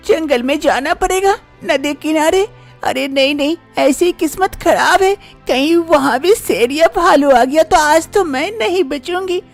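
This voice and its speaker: A woman voicing a young village daughter-in-law in an animated storybook cartoon, anxious and chattering, often muttering to herself. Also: high-pitched, a little slow, faint music behind, voice pushed up. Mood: fretful.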